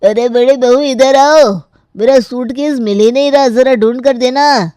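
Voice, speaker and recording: A man doing a loud old uncle, high-pitched. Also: little pitch movement, normal speed, no echo, natural voice. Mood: demanding. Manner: calls out loudly. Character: loud older uncle, demanding then blessing.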